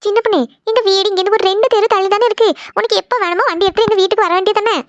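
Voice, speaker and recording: A woman's voice: extremely high pitch, fairly even intonation, very fast, dry recording, dull audio. A woman voicing a cheerful, bustling village mother in a cartoon, chatting in a homely way. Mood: reassuring. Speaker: cartoon voice actor. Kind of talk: Tamil cartoon dubbing.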